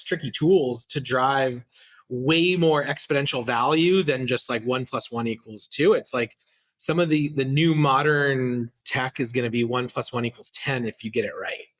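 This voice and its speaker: A middle-aged man talks shop as a podcast guest, loose and conversational, often restarting his sentences and leaning on fillers like "uh" and "you know". His voice sits at an ordinary middle pitch. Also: moderate pace, fairly bright tone. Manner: casual, many fillers and restarts. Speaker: guest, company CEO. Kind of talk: business podcast interview.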